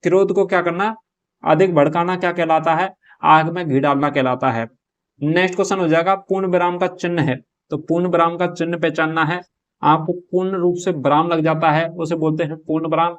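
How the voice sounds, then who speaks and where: A man's voice: a little high, fairly even intonation, fairly quick, muffled recording. A man teaching an exam-prep lesson, who explains each answer step by step and asks and answers his own questions. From Rajasthan. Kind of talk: exam prep lesson, solving a model paper.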